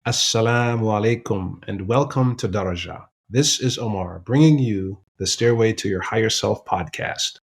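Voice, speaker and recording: A man hosting a podcast interview, introducing the show and asking questions in a measured way. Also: lowish voice. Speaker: podcast host.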